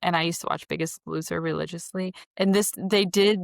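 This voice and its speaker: A woman's voice: lowish voice, fairly even intonation, a little fast, vocal fry, no echo, studio quality. A woman in her thirties co-hosting a podcast, chatting casually and giving blunt opinions. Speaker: podcast co-host. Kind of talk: casual chat.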